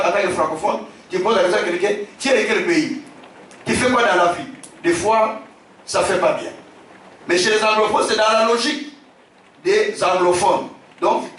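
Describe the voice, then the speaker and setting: A man from Africa, a bishop preaching a sermon, emphatic, repeating his phrases and shouting key lines. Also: high voice. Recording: very echoey hall, distant from the mic.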